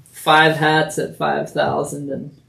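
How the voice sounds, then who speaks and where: A man's voice: a little high, monotone, takes it slowly, creaky, sharp tone. A man hosting a podcast, chatting casually and conversationally with a guest. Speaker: podcast host.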